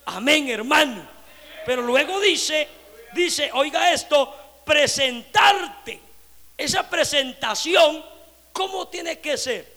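High, gravelly shouting preacher man. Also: animated, slow, big-room sound. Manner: preaching, swings from soft murmurs to loud shouting. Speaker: pastor. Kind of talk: sermon. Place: church.

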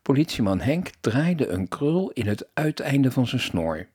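Husky, expressive male storyteller. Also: mid-range voice, unhurried. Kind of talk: children's story reading.

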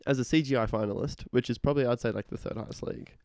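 A man's voice: medium pitch, racing, darkish tone, no room sound, studio quality. A young man chatting casually about competitive gaming, brash and boastful, swearing freely. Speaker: competitive gamer. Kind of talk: casual chat.

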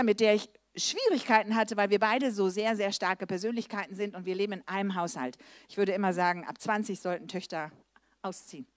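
In clean studio sound with no room sound, a middle-aged female evangelist preaches with energy, alternating booming emphasis with quiet, low-voiced asides.

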